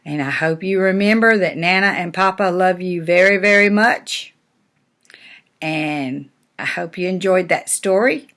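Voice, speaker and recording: Her voice is lowish, unhurried and fairly bright. The speaker, an older woman and grandmother, reads a storybook aloud to young kids and chats about it in a plain, folksy manner.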